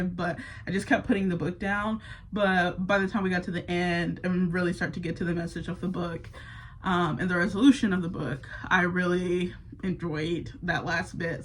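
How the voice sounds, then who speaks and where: A woman's voice: on the low side, a little hiss or hum, poor audio. A young woman talking casually about books to the camera, with lots of fillers, sometimes reading passages aloud. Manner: chatty, many fillers, reads passages aloud. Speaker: book vlogger. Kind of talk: casual chat.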